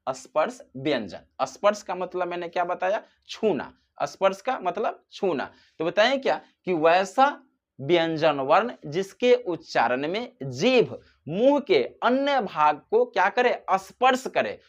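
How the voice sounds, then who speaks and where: Lively-pitched teacher quizzing aloud. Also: unhurried, highs cut off. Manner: asks questions and answers them itself, drawing out example sounds. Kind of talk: classroom-style grammar lesson.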